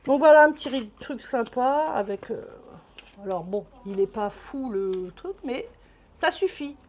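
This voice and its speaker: A woman's voice: a little high, animated, unhurried, darkish tone. A woman with a French accent chatting casually to camera as a vlogger, rambling and swearing lightly, a little out of breath.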